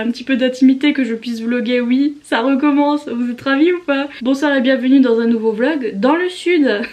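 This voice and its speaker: A woman's voice: high-pitched, a little mellow. Bubbly young French-speaking woman vlogger. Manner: bubbly, self-mocking, laughs often. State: out of breath. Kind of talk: casual chatty vlog. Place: vacation house bedroom.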